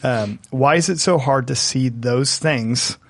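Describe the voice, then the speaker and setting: A man with a gravelly, fry-tinged voice co-hosts a casual podcast and asks his guest questions. He sounds dry and close to the mic, and he keeps nodding along with short agreements. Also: mid-range voice, slow, no echo. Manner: affirming, frequent short agreements. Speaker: podcast co-host, interviewer.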